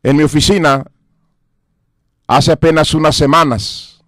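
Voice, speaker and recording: A man's voice: fairly high pitch, fairly even intonation, a little slow, a bit bright, no echo. A Mexican man and pastor giving an earnest radio sermon, repeating and listing his points with emphasis. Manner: earnest, repetitive preaching with emphatic lists. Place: radio studio.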